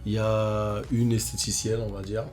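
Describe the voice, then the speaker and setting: A man's voice: lowish voice, flat delivery, moderate pace, a little mellow, faint music behind. Hesitant man in his thirties from Martinique. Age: 30s. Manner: hesitant, many fillers and restarts. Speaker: guest tattoo artist. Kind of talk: casual interview chat.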